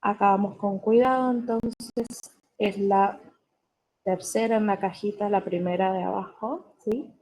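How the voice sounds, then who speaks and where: A woman teacher runs a vocabulary lesson at an unhurried pace, saying each word deliberately and repeating it for her students to note. Her voice is soft and mellow. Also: medium pitch, fairly even intonation, poor audio. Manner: spells out and repeats words slowly and carefully. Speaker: English teacher.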